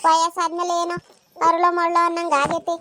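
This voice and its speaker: Woman voicing grumbling old village granny, very high voice, slow and weary, cartoon. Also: completely flat delivery, pushed and bright, slight background noise. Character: elderly village grandmother, forgetful and grumbling. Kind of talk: cartoon voice acting.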